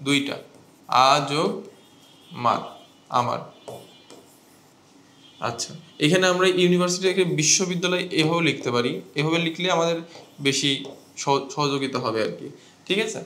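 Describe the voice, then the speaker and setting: A man's voice: a little high, a little fast, pauses often, fairly bright tone, roomy sound. A man teaching a grammar lesson to students, explaining step by step and asking them questions. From Bangladesh.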